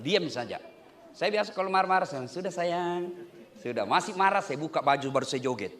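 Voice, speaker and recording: A male preacher giving a joking, animated wedding sermon to a live audience, full of rhetorical questions. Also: a little high, quick pace. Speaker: Islamic preacher.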